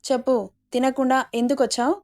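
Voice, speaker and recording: Storybook reading: a woman voicing a possessive, menacing young man, taunting and threatening, a little high for him. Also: flat delivery, fairly quick, darkish tone, lightly acted.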